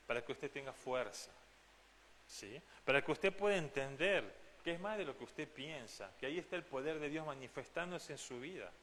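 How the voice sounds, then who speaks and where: A man's voice: medium pitch, a bit bright, slight background noise. A man from Argentina, preaching a sermon as pastor, earnest and direct, often asking the congregation questions. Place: church.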